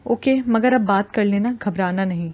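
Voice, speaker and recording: A woman voicing a gentle, supportive young male friend who talks in a coaxing, reassuring way. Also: medium pitch, close to an everyday voice.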